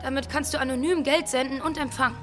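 A high-pitched teenage schoolgirl played by a young actress in a naturalistic drama. She talks in blunt, teasing slang, helpful underneath the sharp tongue. Music plays clearly behind her. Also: steady tone, fast, lightly acted.

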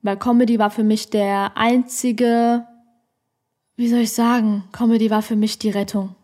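A woman's voice: on the high side, level tone, normal speed, mellow. A woman comedian telling a personal story on a podcast in a studio, blunt and outspoken.

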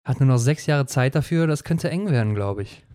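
A man's voice: medium pitch, animated, a little fast, mellow, no room sound, studio quality. A man co-hosting a casual sports podcast, chatty, often tagging sentences with 'ne?', from the western German border region. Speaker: podcast co-host.

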